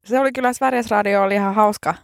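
A woman's voice: mid-range voice, steady tone, gravelly, no room sound, studio quality. A woman co-hosting a podcast in casual chat, laughing often. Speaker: podcast co-host.

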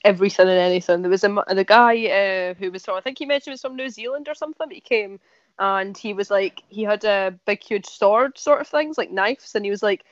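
A woman's voice: medium pitch, fairly quick, no echo. Woman, podcast host, chatty, giggly, dry muffled sound. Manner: chatty, giggles often, fillers like "like". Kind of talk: casual interview chat.

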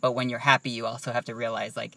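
A chatty young man talks in loose, winding sentences, filling them with "like" and "you know what I mean". His voice has a gravelly texture. He sounds a little off-mic. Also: medium pitch, little pitch movement, fast, bright, forceful tone, far from the mic. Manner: chatty, rambling, says "like" a lot. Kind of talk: casual chat.

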